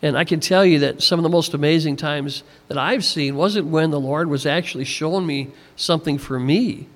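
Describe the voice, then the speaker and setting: A man's somewhat high voice carries through a large room with a long, trailing reverb. He preaches as an easygoing pastor, folksy and a little tired, scattering "you know" through his sentences. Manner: conversational, folksy, many "you know" fillers. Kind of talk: sermon.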